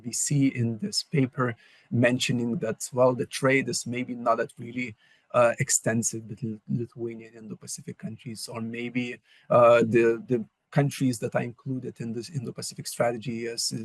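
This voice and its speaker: A man's voice: mid-range voice, no echo. A man who teaches at a university gives hesitant, carefully phrased commentary on a webinar panel over a video call. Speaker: university lecturer and panel discussant.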